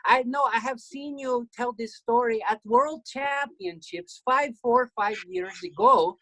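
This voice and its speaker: A man's voice: very high-pitched, unhurried, full character voice, poor audio. A man playing a fawning traveler fan with a put-on foreign accent and broken English, calling in over a video call. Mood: gushing. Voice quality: broken grammar, gushing flattery. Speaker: caller.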